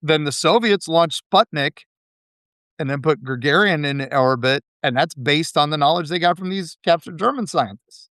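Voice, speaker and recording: A man's voice: a little high, moderate pace, a bit bright, no echo, clean studio sound. A man hosting a podcast, telling history in a rambling, casual way with frequent laughs. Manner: rambling, laughs often, fillers. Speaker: podcast host.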